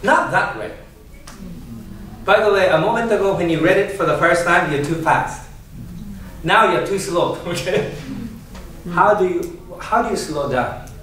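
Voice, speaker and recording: A slightly bright, high male voice moves at a measured pace with frequent pauses during a speech class lesson. He asks questions and laughs often, heard from across an echoey room with background noise.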